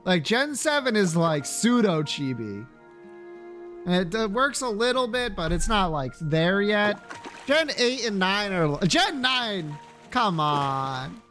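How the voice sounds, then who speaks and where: Playing a video game on stream, a man trades blunt, casual banter with viewers, full of slang, swearing, and playful opinions. His high-pitched voice is very animated yet slow-paced, with a fairly bright tone, and faint music sits in the background.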